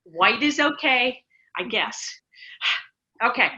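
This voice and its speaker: In a casual interview, a middle-aged ministry director from the U.S. talks emphatically and keeps restarting her sentences. Her slightly high voice is expressive, slow, bright, and forceful, and the recording quality is muffled and lo-fi.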